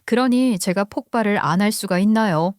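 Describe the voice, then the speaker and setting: A woman narrating a listener's story in the first person, in a steady, confiding way. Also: medium pitch, moderate pace, no echo, clean studio sound.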